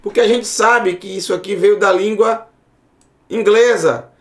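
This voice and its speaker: A man teaching a recorded Bible Hebrew lesson, explaining slowly, repeating words and checking in with the class. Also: high voice, steady tone, a bit bright.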